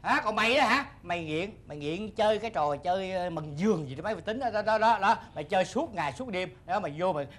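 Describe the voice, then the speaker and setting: A man playing an eatery owner in a sitcom, scolding loudly and blustering. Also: sits high, lively intonation, quick pace, hardly any pauses. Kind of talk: sitcom acting.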